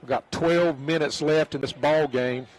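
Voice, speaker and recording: A man with a Southern US accent calling high school football on the radio in a folksy, excitable way. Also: normal speed, poor audio. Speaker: radio play-by-play announcer. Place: press box at a football stadium.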